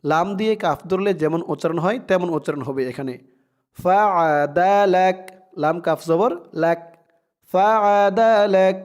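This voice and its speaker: A man teaching Quran recitation, spelling out syllables and chanting verses slowly for learners to repeat. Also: a little high. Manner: slow, drawn-out chanting of verses between quick explanations. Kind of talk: tajweed lesson, spelling out and reciting.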